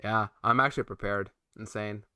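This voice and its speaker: A man's voice: fairly low pitch, steady tone, moderate pace, bright, forceful tone, smooth. A young man streaming a video game, rambling playfully and chatting with his viewers. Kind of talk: casual game-stream commentary.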